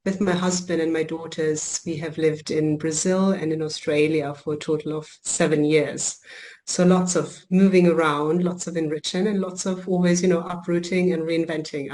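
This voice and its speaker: A woman who grew up in Germany talks through her work as a coach and healer in an interview. Her voice sits a little low for a woman. She speaks reflectively, pausing on ums and restarting phrases as she goes. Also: darkish tone. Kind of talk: podcast interview.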